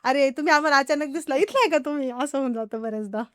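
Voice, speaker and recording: High, quick-talking woman. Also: dry recording, clean studio sound. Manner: animated, acts out others' quoted lines. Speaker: farmer vlogger guest. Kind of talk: casual podcast interview storytelling.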